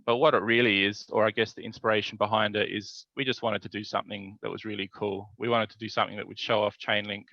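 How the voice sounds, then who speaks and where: A man presenting his hackathon team's project over a video call, relaxed and dotted with filler words. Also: lowish voice, no room sound. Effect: voice heard over a video call. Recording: dull video call audio.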